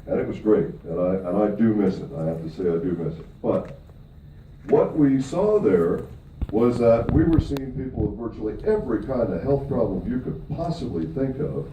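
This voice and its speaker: Through distant, echoey, dull audio with faint noise, a mid-range, mellow male voice delivers a seminar to an audience. The speaker, a middle-aged Michigan man presenting at a company event, is emphatic, lifts his pitch on key points and keeps asking the room "okay?"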